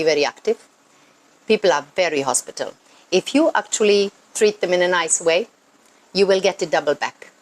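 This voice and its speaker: A Croatian tourism worker speaks unscripted English to camera with a Croatian accent, earnest and emphatic as a non-native speaker, repeating words to stress them. Her voice sits on the low side, and the rough recording has noticeable ambient noise.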